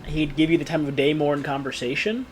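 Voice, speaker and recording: A man's voice: fairly high pitch, quick pace, soft background music. A man serving as game master, chatting casually in a Q&A and laughing often. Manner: laughs often, trails off quietly. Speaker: game master answering questions. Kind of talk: casual podcast-style Q&A chat.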